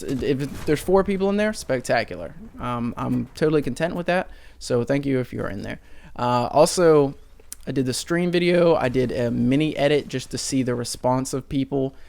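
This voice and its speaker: Male gaming commentator, gravelly, rambling and casual, pokes fun at himself. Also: medium pitch, a little mellow, no room sound. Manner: rambling, self-mocking, chatty.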